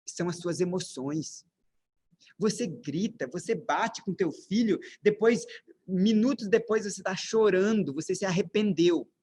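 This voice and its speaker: A man's voice: high voice, unhurried, darkish tone, slightly rough. A Brazilian man with a Brazilian Portuguese accent gives a lecture on parenting, asking his audience many rhetorical questions and stressing his points with emphasis. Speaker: parenting speaker. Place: lecture room with slides.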